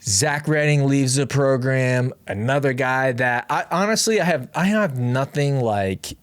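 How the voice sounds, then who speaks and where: A young man at a close, dry-sounding mic rants about his team with biting sarcasm. He fires off rhetorical questions, swears freely, and swings between loud disbelief and low, muttered asides in a mid-range voice. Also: lively intonation, unhurried, no room sound. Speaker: podcast host. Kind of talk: casual sports rant.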